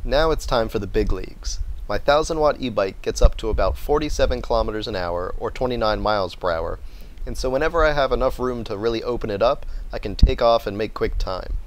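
A man's voice: lowish voice, fairly quick, rough recording. American man narrating a scripted explainer. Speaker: vlogger and product reviewer.

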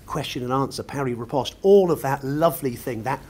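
A middle-aged British loudspeaker designer talks about his work in an unscripted interview, choosing articulate, ornate words. His voice is medium-pitched and darkish, and he speaks a little fast. The setting is a large exhibition showroom with a glass roof, and noisy exhibition ambience fills the recording.

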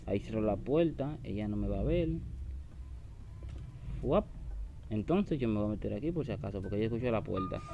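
A man's voice: lowish voice, animated, fairly quick, vocal fry, long pauses, warm tone, muffled recording, a little hiss or hum. A man commenting on a horror game he is playing, taunting the enemy and shrieking when startled. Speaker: gaming YouTuber.

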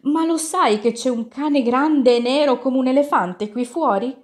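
A panicky mother squeaks in a high, frightened voice, as a woman reads her part. Every question comes out shrill and alarmed. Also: huge pitch swings, normal speed, a little mellow, heavily acted.

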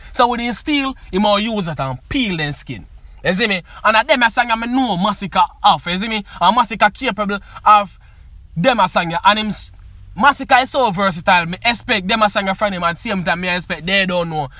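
A man's voice: high-pitched, a little fast, pushed and bright, dry recording. A man with a Jamaican accent giving a casual, emphatic review of a song. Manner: emphatic, keeps asking "you see me". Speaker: music reviewer.

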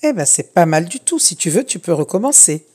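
A woman teaching a reading lesson to young children, giving slow, clear, encouraging instructions. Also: on the low side, sing-song, darkish tone. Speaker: primary school teacher.

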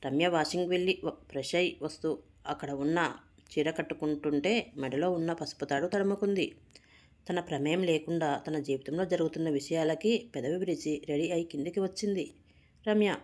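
A woman's voice: sits low, moderate pace, a little mellow. A woman reading a story aloud, giving the characters' lines small lifts in her voice.

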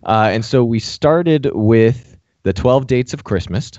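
A man's voice: medium pitch, animated, takes it slowly, darkish tone, no echo, dull audio. A man co-hosting a casual podcast, chatting with many fillers. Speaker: podcast co-host. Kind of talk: casual chat.

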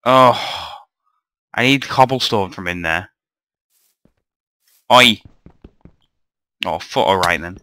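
A man's voice: low voice, lively intonation, measured pace, pushed and bright, dry recording. A young man giving rambling, grumbling commentary over his own gameplay, often swearing to himself. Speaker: gamer narrating a let's play.

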